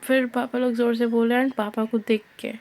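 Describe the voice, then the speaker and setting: Young woman, Indian accent, personal storytelling, slow and soft, gravelly, flat delivery. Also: fairly high pitch. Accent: Indian English. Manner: mixes Hindi and English, slow and soft-spoken.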